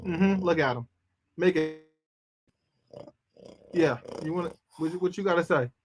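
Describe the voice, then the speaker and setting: A man's voice: a little high, a little slow. A man hosting a live comedy show, hyped and loose, talking straight to his audience and viewers. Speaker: host.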